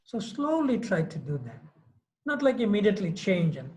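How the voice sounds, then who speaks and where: A man's voice: high voice, sing-song, moderate pace, darkish tone, rough recording. A man nearing sixty giving a devotional lecture in a loose, conversational way, often saying "you know". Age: 50s. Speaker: swami giving a class. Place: Mauritius.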